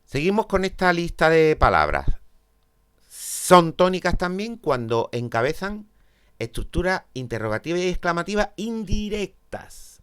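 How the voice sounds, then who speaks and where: A man's voice: fairly high pitch, fairly bright tone, smooth. A man from Spain with a Peninsular Spanish accent, teaching a grammar lesson step by step and checking in with his students. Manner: explains step by step, checks in with "¿vale?".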